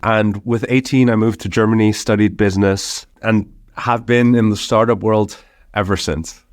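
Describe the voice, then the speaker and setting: Clean, dry studio sound captures this man's low, steady voice at a normal speed. He's a young Hong Kong startup founder being interviewed on a podcast, and his slight American international-school accent comes through as he talks conversationally, often restarting and using fillers.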